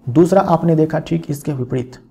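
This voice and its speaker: A man's voice: on the high side, moderate pace, vocal fry, mellow. A male teacher explaining a physics lesson, repeating key phrases and checking in with his students as he goes.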